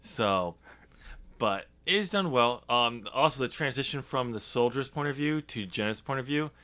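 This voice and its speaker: In an expressive, medium-pitched voice with a sharp quality, a man speaks at an ordinary speed. He's a podcast host and author loosely discussing his novel draft, explaining his writing in a tentative way.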